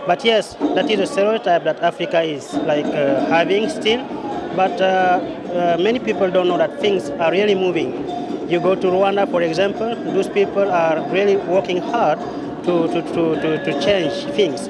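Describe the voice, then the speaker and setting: A man in his thirties with a Senegalese accent, answering interview questions off the cuff with frequent fillers. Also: high voice. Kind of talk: spontaneous event interview. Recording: very noisy event with street-like background.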